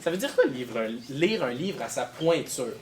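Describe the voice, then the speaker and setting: A man's voice: on the high side, moderate pace, background noise. A man teaching a class of children, asking them questions as he goes. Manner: lively, questioning pupils.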